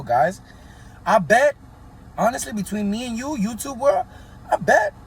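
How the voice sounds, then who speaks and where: A man hosting a casual commentary vlog, speaking straight to his viewers in a conspiratorial tone. His voice is husky and sits high. It swings up and down animatedly as he keeps asking for agreement. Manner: conspiratorial, keeps asking "right?" and hedging "allegedly". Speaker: channel host.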